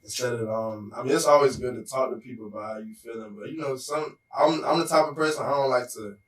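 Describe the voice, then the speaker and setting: A young man co-hosting a podcast in a laid-back, slangy way, dropping "bro" and "you feel me" as he goes. His voice sits at a middling pitch. The room gives an echoey ring, and the mic sits some distance away. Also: quick pace, slight background noise. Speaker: podcast co-host. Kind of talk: casual chat. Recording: roomy echo, distant mic.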